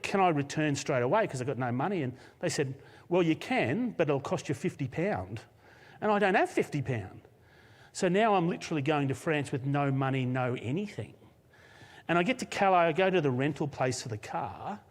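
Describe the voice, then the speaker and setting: Man, Australian accent, pastor, animated sermon story, slightly raised pitch, long church reverb. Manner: animated storyteller, laughs often. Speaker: senior pastor. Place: church auditorium, live service.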